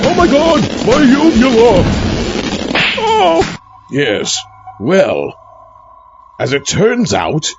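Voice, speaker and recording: A man acts a put-upon old Santa Claus with an aching back, groaning and grumbling theatrically. His pitch leaps around wildly while he drags his words. The sound is muffled, with faint music, as in a comedic audio play. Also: darkish tone. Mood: agonized.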